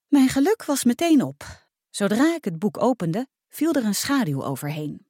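A woman narrating a first-person storybook aloud in a lively, expressive reading. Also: fairly high pitch, normal speed, dry recording, clean studio sound.

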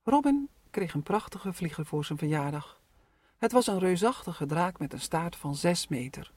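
A narrator reading children's stories aloud with expressive, lively storytelling. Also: mid-range voice, normal speed, a little hiss or hum.

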